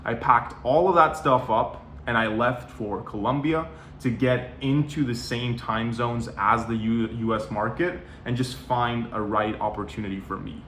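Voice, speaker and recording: Man in his 20s, easygoing advice talk, mid-pitched voice, roomy echo. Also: steady tone, unhurried, fairly bright tone, slight background noise. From Norway. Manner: conversational, with frequent "you know" and "like". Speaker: sales coach. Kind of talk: casual talking-head advice.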